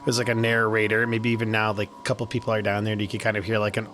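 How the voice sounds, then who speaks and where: A man's voice: fairly low pitch, completely flat delivery, racing, fairly bright tone, faint music behind. A man running a tabletop game as game master, narrating casually in a joking, rambling way. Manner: joking, rambling with many hedges.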